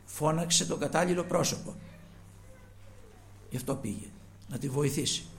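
A man's voice: a little high, slight background noise. A man preaching a sermon, earnest and retelling scripture with quoted pleas, often trailing his phrases off to a near-whisper.

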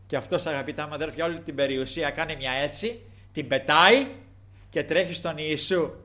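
A preacher man delivers a sermon in a fairly high voice. He swings between loud, fervent outbursts and hushed, low asides. He keeps breaking off to thank the Lord and to call out to his dear brothers.

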